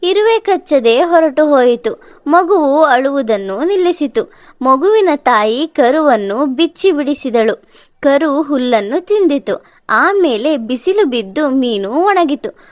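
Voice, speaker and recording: A woman narrating a scripted children's story in an expressive, sing-song way. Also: high voice, slow, dry recording, studio quality.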